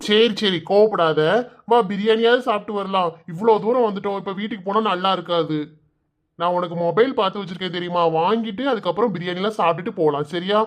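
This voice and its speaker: A man's voice: high-pitched, fast talker, lightly acted. Apologetic cartoon husband, kanyakumari tamil accent, soothing and pleading, a man voicing him. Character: patient apologetic young village husband. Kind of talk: cartoon comedy voice acting.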